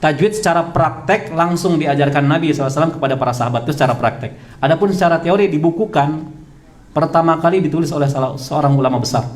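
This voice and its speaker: An Indonesian religious teacher gives a study lecture to a congregation in a prayer hall, repeating key points and drawing out terms slowly. His voice is on the high side.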